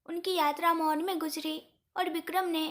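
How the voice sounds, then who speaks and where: A woman storyteller narrates a scripted story in a steady, plain way. Her voice sits very high. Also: normal speed.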